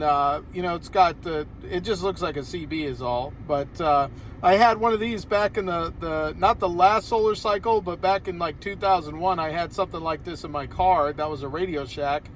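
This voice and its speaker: A slightly high-voiced American man talks at a moderate pace during a casual amateur radio chat, wandering a bit in his remarks. He's inside a parked car out on a hillside, and light background noise is present.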